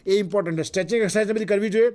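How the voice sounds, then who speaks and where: A man with a Gujarati accent delivers a health lecture in a high, light voice. He speaks unhurriedly and repeats his points. He pauses often and fills the gaps with short sounds. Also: warm tone. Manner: unhurried, repetitive, with frequent pauses and fillers. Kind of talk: health talk mixing Gujarati and English.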